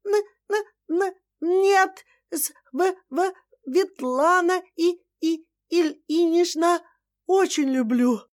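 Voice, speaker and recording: A woman's voice: high-pitched, normal speed, few pauses, pitched above the performer's own voice, natural voice. A woman voicing a timid young wife who stutters with fear. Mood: frightened, timid.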